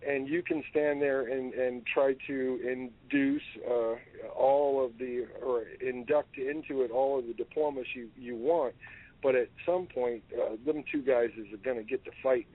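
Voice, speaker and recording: A male radio co-host chatting casually, talking in halting bursts with lots of restarts and fillers. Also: mid-range voice, steady tone. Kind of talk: casual talk radio chat. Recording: tinny phone line.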